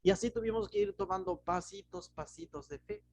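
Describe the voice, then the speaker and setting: A man's voice: high-pitched, a little fast, slight background noise. A man, a pastor preaching a sermon in a conversational, storytelling way. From Peru.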